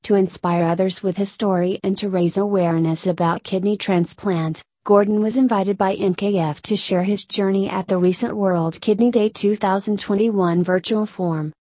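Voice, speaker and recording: A female narrator calmly works through a scripted feature story, her tone mellow and unhurried at a middling pitch. The recording is bone-dry, with no room sound.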